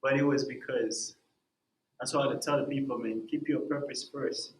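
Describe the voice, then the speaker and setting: A man's voice: mid-range voice, moderate pace. Roomy-sounding man telling his story animatedly. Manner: animated storytelling, says "bro" often. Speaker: music artist guest. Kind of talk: casual podcast interview. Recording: roomy echo.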